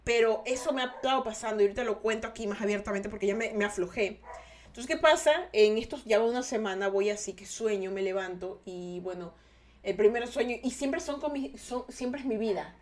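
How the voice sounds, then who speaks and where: A young woman hosting a podcast, telling a personal story in an animated way, often breaking off and restarting and quoting her own thoughts. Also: mid-range voice, a little fast. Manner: animated, self-interrupting, restarts and quotes herself. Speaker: podcast host. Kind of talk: casual storytelling monologue.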